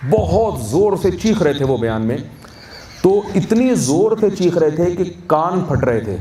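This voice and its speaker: A man's voice: fairly high pitch, darkish tone. A man with a Pakistani Urdu accent gives a sermon at a wedding feast, asking the audience questions and answering them himself. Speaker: Islamic scholar. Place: large hall at a wedding reception. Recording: echoey, distant mic, faint hum.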